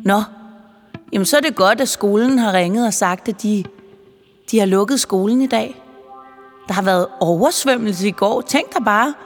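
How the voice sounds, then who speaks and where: A woman's voice: mid-range voice, lightly acted. Woman voicing a busy, chatty mom. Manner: quick, chatty, explaining. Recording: reverberant with faint music.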